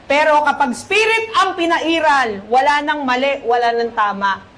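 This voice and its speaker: High-voiced Filipino woman preaching. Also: animated, moderate pace, fairly bright tone. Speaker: pastor. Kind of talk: sermon. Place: church.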